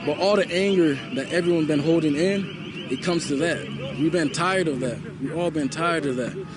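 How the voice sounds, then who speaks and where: Outdoors at a nighttime protest near a mall, a young Liberian man gives a street interview against background noise. His voice is on the high side and his pace moderate; he speaks with passion, repeating points and often asking "you know?"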